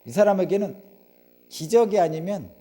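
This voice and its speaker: A man's voice: sits high, animated, normal speed, warm tone. A man preaching a sermon as pastor, telling the story vividly, asking the congregation questions and acting out the voices of the crowd.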